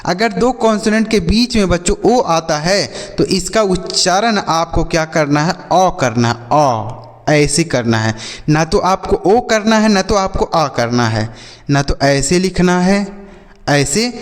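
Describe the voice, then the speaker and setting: A man's voice: high-pitched, lively intonation, unhurried, big-room sound. A man teaching a phonics lesson, spelling words letter by letter and asking questions that he answers himself. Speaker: English teacher.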